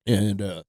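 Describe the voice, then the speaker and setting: A man's voice: mid-range voice, fairly bright tone, no room sound, clean studio sound. A man telling a rambling, profane story on a casual podcast, full of fillers. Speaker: podcast host.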